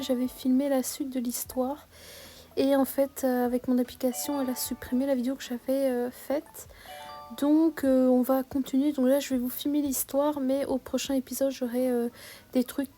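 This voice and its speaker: Young adult woman, high voice, chatty upbeat gameplay commentator. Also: dark tone. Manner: chatty, upbeat, many fillers and restarts. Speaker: gaming YouTuber.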